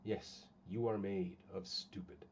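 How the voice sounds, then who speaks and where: A man's voice: sits low, fairly even intonation, a little slow, a little hiss or hum. A man with the hiccups, rambling casually to his chat while painting miniatures. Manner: rambling, distracted, talking to stream chat. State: has the hiccups. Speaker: channel host.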